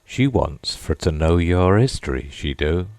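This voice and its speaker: A man voicing a gruff, impatient male Gryphon who scolds in a rough dialect. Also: deep voice, lively intonation, unhurried, darkish tone, dry recording, clean studio sound. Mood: scolding. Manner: brusque, scolding.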